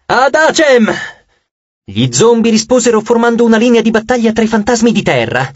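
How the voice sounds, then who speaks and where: A man's voice: high-pitched, sing-song, fast, no room sound, lo-fi sound. A man narrating an audiobook with dramatic, scripted storytelling.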